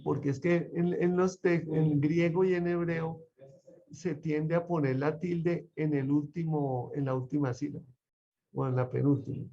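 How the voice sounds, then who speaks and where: A man's voice: a little high, little pitch movement, unhurried, dark tone. A man teaching an online Bible class in a conversational lecture style, often asking his students questions. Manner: conversational, asks the class frequent rhetorical questions. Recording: muffled online class audio.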